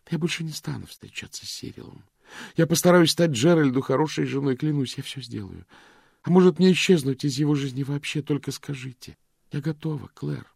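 A man's voice: mid-range voice, gravelly, a little mellow, dry recording, clean studio sound, voice pushed up. A man voicing a frantic pleading young woman. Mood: resigned. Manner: pleading, breathless.

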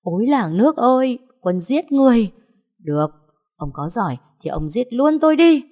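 A woman voicing a distraught, hot-tempered middle-aged mother who wails and shouts back, in a storybook reading. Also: on the low side, animated, normal speed. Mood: defiant. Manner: wailing and defiant.

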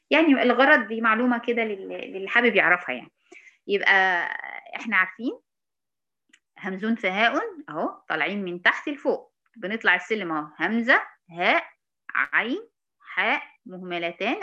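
A woman with an Egyptian accent teaching a recitation lesson, patiently demonstrating sounds slowly and checking in with her students. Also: fairly high pitch, bright, forceful tone, dull audio. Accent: Egyptian Arabic. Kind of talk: online tajweed lesson.

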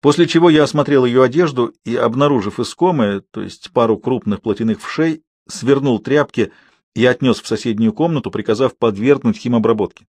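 A man reading a novel aloud as an audiobook narrator, telling the story in an even, unhurried way with light irony. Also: medium pitch, no room sound. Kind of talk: scripted narration.

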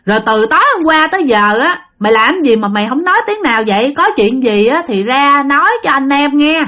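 A frantic grown man yells and pleads in a high, swooping Southern Vietnamese voice, as a woman storyteller puts him on. His calls climb and scold in turns, loud and urgent. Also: expressive, fairly quick. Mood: coaxing. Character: worried, shouting grown man calling a friend.

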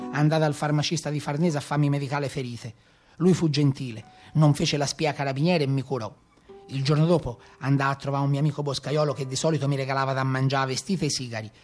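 In a gruff recounting, a man with a natural, mid-range voice portrays a boastful, rough Maremma bandit. His theatrical monologue carries a Tuscan accent and down-to-earth, colloquial storytelling.

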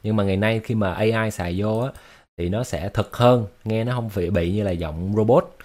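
A man chats to viewers on a livestream. His voice sits a little low. He explains things loosely, full of fillers and restarts. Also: moderate pace, darkish tone. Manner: chatty and explanatory, with many fillers and repeated words. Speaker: livestream host. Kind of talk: casual livestream chat with viewers.

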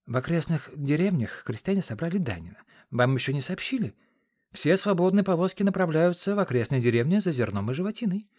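A man's voice: fairly high pitch, big pitch swings, a little fast, darkish tone, dry recording, studio quality, voice pushed up. A man voicing a loyal old cart driver. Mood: confident. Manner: confident, then faint and weak.

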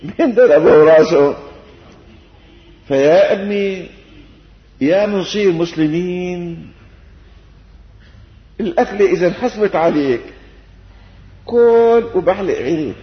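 An older sheikh with a Damascene accent gives a homely sermon lesson, peppering it with rhetorical questions and a gentle, teasing humor. His voice sits high for a man. It comes through a long, echoing hall on a dull, lo-fi old tape. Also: lively intonation, moderate pace, pauses often. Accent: Syrian Arabic, Damascene. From Syria. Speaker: sheikh giving Quran commentary.

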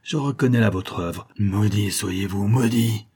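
A man voicing a menacing dark giant, an immortal demonic being who speaks with scorn and threats, in an audiobook. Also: mid-range voice, animated, moderate pace, voice pushed up, natural voice. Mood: raging.

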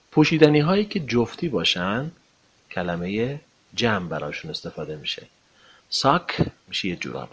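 Slow-drilling husky male English tutor. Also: lowish voice, a bit bright, rough recording. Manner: slow, emphatic English model sentences, brisk explanations. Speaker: English teacher. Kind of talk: language lesson for Persian speakers.

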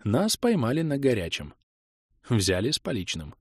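A man's voice: medium pitch, wildly swooping pitch, normal speed, husky, dry recording. Dramatic male audiobook narrator, dry close sound. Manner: tense, dramatic, hushed in suspense. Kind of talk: expressive fantasy audiobook narration.

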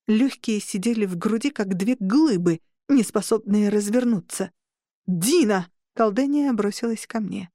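A woman reads an audiobook aloud in the first person, measured and tense. Her voice sits at an ordinary middle pitch for a woman. The recording is close and very dry. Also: warm tone, no echo. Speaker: audiobook narrator. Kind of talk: scripted first-person narration.

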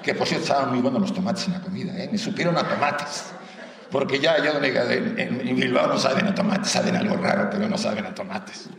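A man's voice: mid-range voice, a little fast, gravelly, fairly bright tone. A man with a Mexican accent gives a conversational spiritual lecture to a live audience, often asking them rhetorical questions and adding light humor. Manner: light humor mixed into the teaching. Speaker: lecturer at a theosophical society. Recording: roomy hall echo, voice from far off.

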